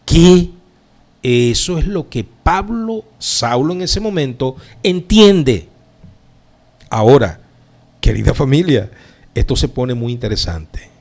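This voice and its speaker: A man preaching a sermon as pastor, slow and emphatic with dramatic pauses. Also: medium pitch, very animated, darkish tone.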